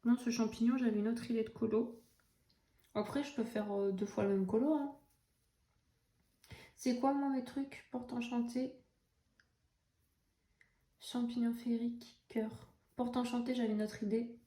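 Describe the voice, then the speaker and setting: A woman's voice: a little high, steady tone, normal speed, pauses often, warm tone. A young adult woman chatting casually and jokingly about her coloring books, with lots of fillers. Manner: chatty, self-mocking, many fillers. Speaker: coloring vlogger. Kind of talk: casual chat. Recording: echoey room, faint noise.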